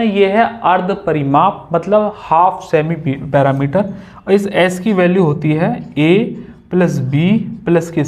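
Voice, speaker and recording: A man's voice: high-pitched, a little mellow. A young man teaching a maths lesson at a whiteboard, chatty and casual, joking with his students.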